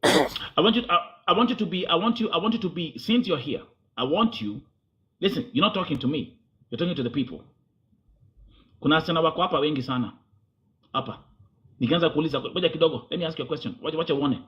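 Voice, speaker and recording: A man's voice: fairly high pitch, animated, fast, long pauses, dull audio. A man with a Kenyan accent interviewing a guest before a crowd, pressing hard and repeating himself when he wants the floor. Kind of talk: interview before a live audience.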